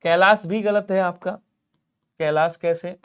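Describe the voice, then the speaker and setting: A man from Lucknow, India, teaching a live online exam-prep class. He asks questions and answers them himself, and keeps urging viewers to comment quickly. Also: high voice, steady tone, fairly bright tone, clean tone. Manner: drills answers by asking and answering his own questions. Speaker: Hindi teacher.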